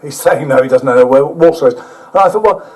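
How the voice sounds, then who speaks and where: A man's voice: mid-range voice, a little fast, a little mellow, rough recording. Rambling man telling stories. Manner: rambling, self-mocking, humorous, with frequent fillers and casual swearing. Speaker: speaker at an overland motorbike event. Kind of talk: anecdotal storytelling to a live audience.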